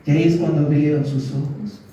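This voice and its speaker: Recorded from a distance in a very echoey church hall, this sermon comes from a male pastor whose voice sits on the high side, dark in tone and steady, with a brisk delivery. He poses questions to the congregation and acts out quotes from people. The sound is lo-fi with slight background noise.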